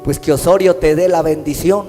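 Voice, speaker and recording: A Mexican man preaching a sermon as pastor, impassioned, his phrases swelling into sung, drawn-out lines. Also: on the high side, fairly even intonation, warm tone. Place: church hall. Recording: long church-hall reverb with faint instrumental music.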